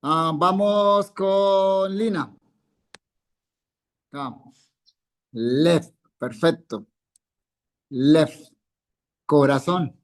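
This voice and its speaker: A man's voice: fairly high pitch, drawn-out words, long pauses. A male Hebrew teacher, giving a live classroom lesson and patiently quizzing students by name, repeating each word. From Colombia.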